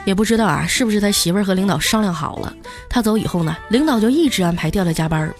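A woman's voice: medium pitch, animated, rapid-fire, music in the background. A woman host telling comic anecdotes in a chatty, scripted way. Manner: chatty, punchline-driven delivery. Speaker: comedy storyteller host. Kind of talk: scripted comedic storytelling.

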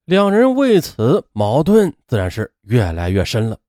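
A man telling a story in a lively, folksy way with drawn-out fillers. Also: medium pitch, no room sound, studio quality. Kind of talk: storytelling narration.

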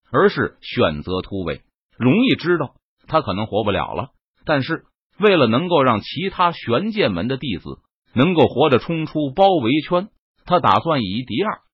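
A man reads a fantasy story aloud, his pitch rising and falling with the drama of each scene. His voice is slightly husky and the recording is dry and dull, like lo-fi audio with no room sound. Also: big pitch swings, moderate pace, no echo. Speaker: narrator. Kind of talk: scripted audiobook narration.

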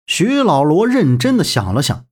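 A storyteller narrating a serialized historical novel in an expressive manner. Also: medium pitch, normal speed, husky.

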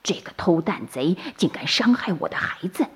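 A woman voicing a tender, worried mother turtle in a bedtime story, speaking softly and a little lower than her narration. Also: very animated, moderate pace, husky, exaggerated voice. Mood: fretful.

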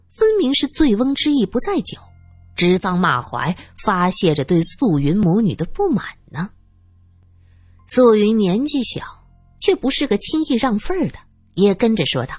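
A woman narrating a serialized audiobook story in an expressive storytelling manner. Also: mid-range voice, husky, no echo, studio quality.

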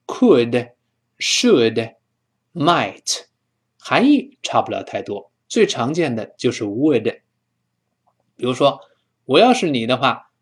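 Chinese man teaching English pronunciation, lively pitch. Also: breathy edge. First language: Mandarin. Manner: slow drawn-out demonstrations of English sounds; repeats sounds over and over for students to copy.

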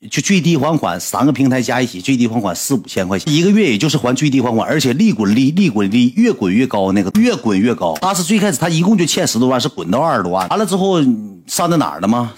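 A man, telling a story to his livestream audience in a blunt, animated way and swearing freely. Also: medium pitch, slightly rough. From Northeast China.

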